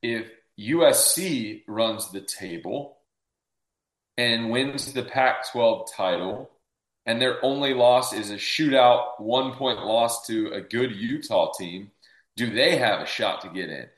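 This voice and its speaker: A man on a sports panel offers casual analysis, asking himself questions and then answering them. He speaks slowly at a medium pitch, and the room sounds echoey.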